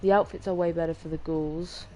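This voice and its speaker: A tired woman streaming a game, talking in a monotone and rambling with restarts and apologies. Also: fairly low pitch, a little fast, soft background music. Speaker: gaming streamer. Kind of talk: casual gameplay commentary.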